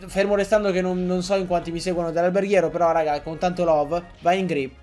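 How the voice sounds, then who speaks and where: A young man giving excitable, joking Let's Play commentary to his viewers, often swearing. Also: high voice, fast talker, soft background music. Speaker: gaming YouTuber.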